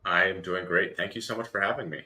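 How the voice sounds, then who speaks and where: Deep-voiced man in a roomy space. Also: fast talker, bright, forceful tone. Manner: explanatory, talks in long structured answers. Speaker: podcast guest. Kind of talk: conversational interview answers. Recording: roomy, echoey sound.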